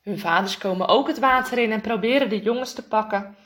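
A woman reading a children's storybook aloud in a lively way, acting out the characters' lines. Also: brisk. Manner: lively, voices the characters' lines with raised pitch. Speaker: narrator.

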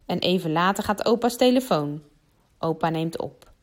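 A woman reading a children's Christmas story aloud, expressive and lively, giving the characters their own voices. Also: lowish voice, normal speed.

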